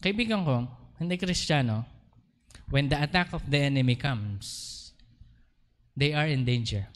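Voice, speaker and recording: Pastor preaching in church, telling stories, mixes tagalog and english, smooth clear voice. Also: male voice, medium pitch, animated, a little slow. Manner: storytelling, switching between Tagalog and English. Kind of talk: sermon.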